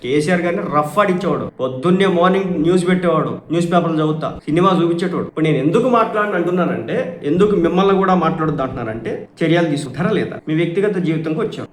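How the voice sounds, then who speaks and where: A man's voice: fairly high pitch, reverberant, a little hiss or hum. A man from Andhra Pradesh delivers emphatic political commentary, arguing with rhetorical questions.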